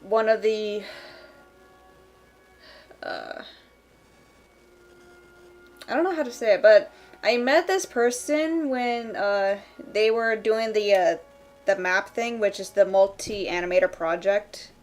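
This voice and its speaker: Rambling woman chatting on a stream. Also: mid-range voice. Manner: rambling with many fillers and quick laughs. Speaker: streamer drawing live. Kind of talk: casual chat while drawing. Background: faint background music.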